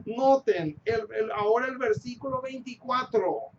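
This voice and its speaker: A man preaching a sermon, stressing key phrases by repeating them and speaking warmly to his congregation as his beloved. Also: very high voice, a little slow. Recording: dull lo-fi recording with faint noise.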